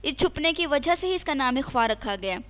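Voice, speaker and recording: High-voiced woman teaching Quran recitation. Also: animated, fairly bright tone. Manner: patient, repeats rules and checks understanding; chants Arabic examples slowly. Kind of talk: online tajweed lesson.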